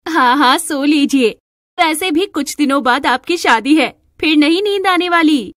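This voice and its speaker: A woman playing a young sister-in-law, teasing and bright, dry sound. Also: sits high, lively intonation, a little slow, no echo, pitched above the performer's own voice.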